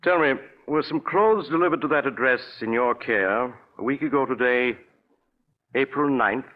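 An actor with an American accent playing a shrewd, accusing doctor-investigator in a 1940s radio drama, deliberate and pointed. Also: male voice, medium pitch, close to an everyday voice. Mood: probing. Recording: muffled old radio recording.

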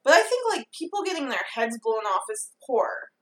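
Bright, excitable, lively-pitched woman. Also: a little fast. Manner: excitable, rambling, peppered with "like". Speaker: podcast co-host. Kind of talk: casual chat. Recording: roomy echo.

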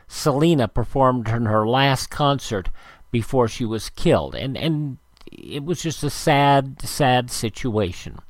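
A man hosts a radio show about this day in history, reading dated items in an announcer's style and dropping in short asides. His voice sits at medium pitch in a dry recording.

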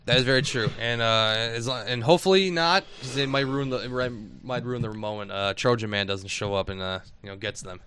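Hombre de voz brillante charlando en directo. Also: male voice, medium pitch, fairly quick, few pauses, bright, forceful tone, slight background noise. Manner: joking, swears casually. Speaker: host. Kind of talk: casual chat on a live stream.

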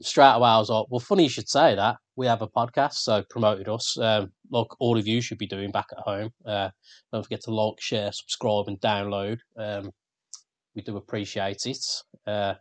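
A man's voice: fairly low pitch, steady tone, moderate pace, no echo. Sweary rambling man, dry sound. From England. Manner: sweary, rambling, laughs often. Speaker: podcast co-host. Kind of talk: casual banter.

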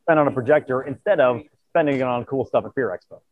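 A man's voice: medium pitch, quick pace, no room sound, narrow, tinny audio. A man hosting a podcast from a convention, in a casual chat, tired and losing his voice, earnest and grateful. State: tired, voice wearing out. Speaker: podcast host.

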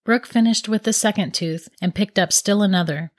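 A woman calmly narrating a scripted fairy tale. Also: medium pitch, moderate pace, no room sound, clean studio sound. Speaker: storyteller.

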